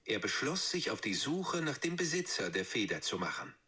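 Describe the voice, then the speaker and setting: A synthetic male voice assistant speaking slowly and expressively, telling a story and reading lines in varied emotions. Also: mid-range voice. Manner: slow, expressive.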